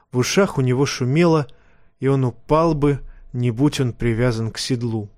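A man reading a fantasy novel aloud in steady, even audiobook narration. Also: medium pitch, no echo, studio quality. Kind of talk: scripted narration.

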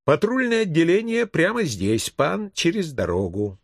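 A polite elderly vampire stationmaster from an audiobook, voiced by a man. He speaks courteously and helpfully, with a pitch that rises and falls a lot. The sound is close and dry. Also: wildly swooping pitch, normal speed, vocal fry, no echo, full character voice. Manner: courteous, obliging.

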